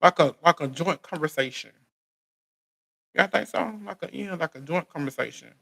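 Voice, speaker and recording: An American man with a fairly high voice and a heavy gravelly fry hosts a casual reality TV recap. He talks in loose, colloquial phrasing, circling back and repeating phrases as he goes. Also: moderate pace, a bit bright. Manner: repeats and restarts phrases over and over. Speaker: recap show host. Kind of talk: casual live recap chat about reality TV.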